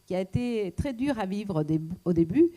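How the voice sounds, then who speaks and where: A woman with a foreign accent giving a reflective public talk, pausing often with fillers and restarts. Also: medium pitch, animated, mellow. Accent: foreign accent in French. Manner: hesitant, many fillers and restarts. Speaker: speaker at a talk, economist.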